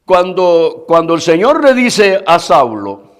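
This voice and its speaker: A man's voice: high-pitched, big pitch swings, takes it slowly. A male pastor preaching a sermon, speaking earnestly and directly to the congregation, repeating phrases and restarting lines as he goes.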